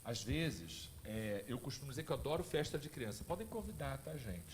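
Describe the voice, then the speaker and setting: A man's voice: medium pitch, brisk, a little hiss or hum. A man lecturing at a spiritist family course, telling personal stories and speaking straight to the audience in a conversational way. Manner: lively, conversational, addresses the audience directly.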